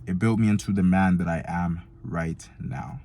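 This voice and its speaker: With slight background noise, a low, steady, mellow male voice speaks at normal speed. He's a nineteen-year-old motivational vlogger with an American accent who was born in Nigeria and grew up in America from age four, talking slangily and directly to young men, saying "bro" and "man."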